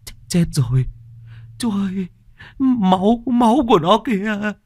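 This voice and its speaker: A man voicing a terrified young fisherman who stammers and yells in frantic bursts, in a storybook reading. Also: sits high, sing-song, brisk, pitched above the performer's own voice. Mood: panicked. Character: young male fisherman, panicked and shrieking.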